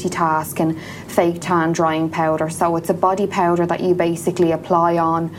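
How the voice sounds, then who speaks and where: A woman's voice: fairly low pitch, little pitch movement, moderate pace, slight background noise. A woman with an Irish accent chatting informally as an interview guest, explaining things in a casual, conversational way. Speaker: podcast guest, small business founder.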